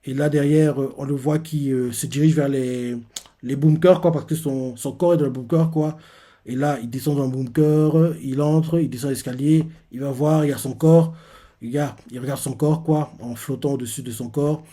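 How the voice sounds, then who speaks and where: A man's voice: medium pitch, steady tone, normal speed, warm tone. A man casually retelling manga chapters and reacting to them, talking in loose rambles full of fillers.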